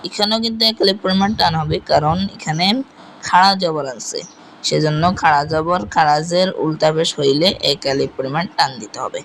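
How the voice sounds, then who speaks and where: A man teaching Quran recitation, spelling out letters and vowel marks, then reciting each word slowly and repeating it. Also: fairly high pitch, gravelly, a bit bright, slight background noise, poor audio. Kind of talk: step-by-step recitation lesson.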